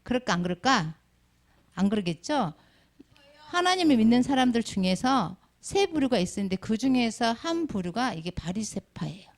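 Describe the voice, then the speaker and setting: Sunday school lady asking the kids questions, gravelly voice that swings up and down a lot. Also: fairly high pitch, sing-song, moderate pace. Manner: calls on children by name and asks many questions. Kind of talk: children's sermon with questions to the class.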